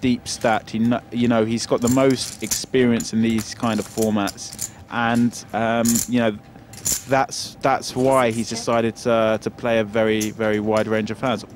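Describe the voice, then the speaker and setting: A man giving expert poker analysis, pausing and hesitating often as he works through each hand. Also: medium pitch, flat delivery, a little hiss or hum. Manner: hesitant, many fillers while analysing.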